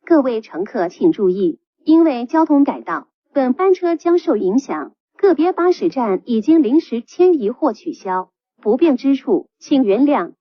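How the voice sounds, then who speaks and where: A woman reading calm, formal bus announcements played over a PA system. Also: high voice, a little slow, no echo. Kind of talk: scripted public announcement. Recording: dull lo-fi PA playback.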